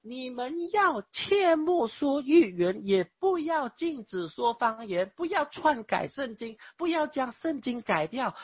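A woman preaching a sermon in an animated, exclamatory way, firing rhetorical questions at her listeners. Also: fairly high pitch, breathy edge, dry recording, highs cut off.

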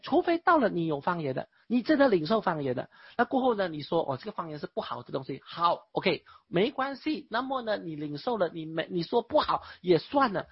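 A woman preaching a sermon in an animated, exclamatory way, firing rhetorical questions at her listeners. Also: mid-range voice, slightly rough, dry recording, dull audio.

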